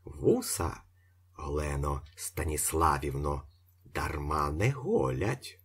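A cranky male locksmith full of irony and scorn, loud and mocking, as a male reader puts him on. His husky voice swings widely in pitch as he jeers. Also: animated, takes it slowly, heavily acted. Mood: sneering. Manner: shouting, sneering.

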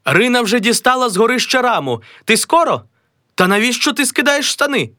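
A man's voice: very high voice, very animated, pushed and bright, no echo, studio quality, voice pushed up, heavily acted. A man voicing a bustling middle-aged wife who urges her husband to hurry. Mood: fussy. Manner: hurried, urging.

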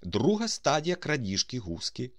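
A man's voice: mid-range voice, big pitch swings, normal speed, dry recording, studio quality, pitched above the performer's own voice, natural voice. A man playing a grand, scheming con man who speaks in a haughty, commanding, coolly ironic way.

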